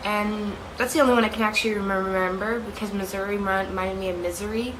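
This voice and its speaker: This vlogger, a young Canadian-accented woman, speaks fast in a medium pitch as she chats to her camera at home. She rambles, giggles and keeps correcting herself. Behind her, a fan in the room makes a steady noise.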